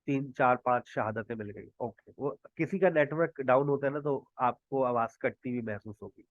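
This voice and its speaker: A man from Pakistan, a native Punjabi speaker, teaching spoken English in an online class over a video call, slowly quizzing his students and modeling English phrases. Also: medium pitch, dry recording. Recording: dull lo-fi online call audio.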